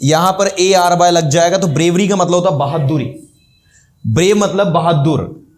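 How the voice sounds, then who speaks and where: A fairly high-voiced Indian male teacher runs a classroom grammar lesson. He fires short questions at his students and repeats the answers. His English example sentences come out slow and deliberate. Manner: quizzing students with quick questions.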